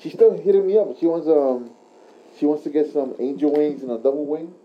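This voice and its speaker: Speaking briskly in a fairly high voice, a man swaps anecdotes in a tattoo shop, where he works as the tattoo artist. He sounds like a frat bro, using crude slang and saying "bro" constantly, and the recording is dull and lo-fi.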